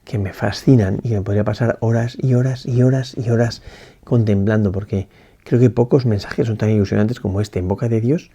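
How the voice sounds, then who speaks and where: A priest gives a slow, reflective meditation, as if thinking aloud. His voice is mellow and dark with a gravelly edge. He keeps checking in with a questioning tag and restarts his phrases as he goes. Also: lowish voice, fairly even intonation, lo-fi sound. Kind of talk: spoken meditation on a gospel passage.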